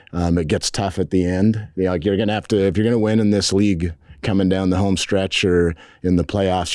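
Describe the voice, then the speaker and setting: A middle-aged man with a very low voice speaks into a cluster of table microphones at a post-game press conference. He answers frankly and measuredly, restarting sentences often. The sound is dry and close. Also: a little mellow, dry recording. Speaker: head football coach. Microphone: table mics in front.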